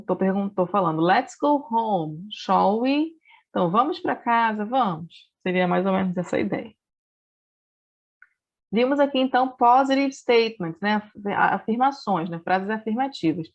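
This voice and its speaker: A woman's voice: mid-range voice, dull audio. Brazilian woman teaching English grammar. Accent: Brazilian Portuguese. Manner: reads English examples slowly, then translates them. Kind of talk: recorded classroom lesson in Portuguese.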